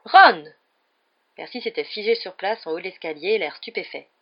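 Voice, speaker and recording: A woman narrating a novel aloud in a measured, steady way. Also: lowish voice, husky, lo-fi sound. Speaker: reader. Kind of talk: audiobook narration.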